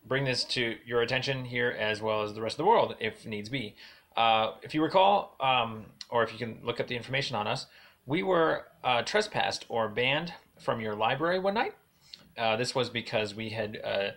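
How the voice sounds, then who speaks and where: A man leaving a long voicemail as a caller, speaking in a halting way with many fillers and a formal complaint tone. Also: medium pitch, gravelly, fairly bright tone.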